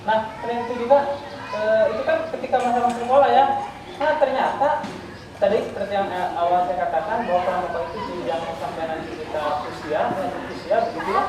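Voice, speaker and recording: A man in his twenties from West Java, a teacher telling school stories in an unhurried, reminiscing way. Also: sits high, fairly even intonation. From West Java, Indonesia. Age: 20s. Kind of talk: casual school talk. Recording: echoey room, distant mic, noisy.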